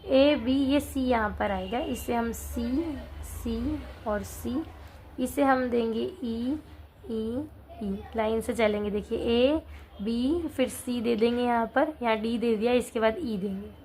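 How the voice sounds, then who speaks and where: A woman teacher, reading lines slowly and explaining them line by line in simple conversational speech. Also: on the high side, darkish tone, slight background noise.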